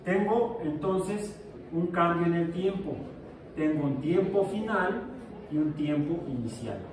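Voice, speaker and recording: A man's voice: a little high, animated, slow pace, noisy background. A male physics teacher, lecturing a class in a joking way and asking his students questions. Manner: jokey, asks the class questions. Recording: echoey room, far from mic.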